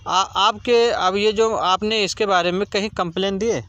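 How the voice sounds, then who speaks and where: A man's voice: high voice, steady tone, a little slow, pushed and bright, no echo, dull audio. A man working as a news reporter, questioning someone and insistently repeating answers back. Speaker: local TV news reporter interviewing. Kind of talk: field interview questioning.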